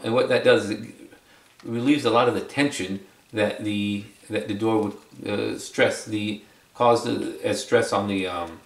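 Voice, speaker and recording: This product reviewer and video presenter has a fairly low, gravelly voice. He walks through an unscripted demo in a relaxed, explanatory way, saying phrases again for emphasis, picked up by a distant mic in an echoey room.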